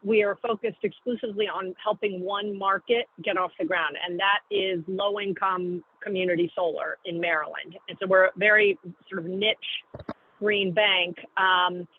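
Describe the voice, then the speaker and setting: A woman's voice: mid-range voice, steady tone. Woman calling in from her car by phone. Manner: explains step by step, with pauses and self-corrections. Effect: phone call from a moving car. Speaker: guest speaker. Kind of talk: call-in briefing on a video call. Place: in a car while driving. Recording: tinny phone line from a car.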